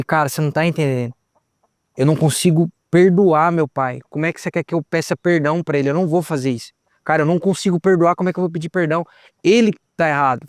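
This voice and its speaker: A man's voice: on the high side, a little mellow, no room sound, clean studio sound. A young man giving a personal testimony outdoors on a hilltop, retelling events and acting out the dialogue. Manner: retells events with quoted dialogue, says "cara" often. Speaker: testimony guest.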